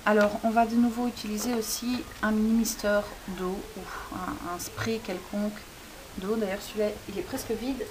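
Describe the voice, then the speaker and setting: A woman with a medium-pitched, flat voice hosts a crafting tutorial at a moderate pace. She walks through each step casually and chattily, hesitating often, and faint hiss sits under the recording.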